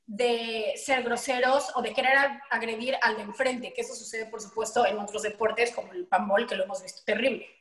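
A Mexican woman, a podcast guest, telling lively stories with frequent laughter. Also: high-pitched, roomy sound. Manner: animated storytelling, laughing often. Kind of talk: casual chat.

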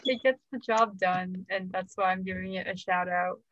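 A woman's voice: medium pitch, steady tone, moderate pace, fairly bright tone, dry recording. Young woman podcast co-host, casual self-mocking chat, muffled lo-fi audio. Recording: dull lo-fi sound.

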